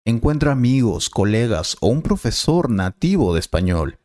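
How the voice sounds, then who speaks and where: Spanish teacher guy, patient and clear, dry close sound. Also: mid-range voice, sing-song, normal speed, darkish tone, no room sound. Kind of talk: scripted lesson dialogue.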